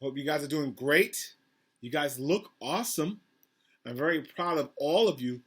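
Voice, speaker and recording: A man's voice: on the high side, animated, moderate pace, fairly bright tone, slightly rough. A man, a school principal, reading a picture book aloud to children over a video call, praising them and asking about the pictures. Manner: encouraging, asks the children questions about the pictures.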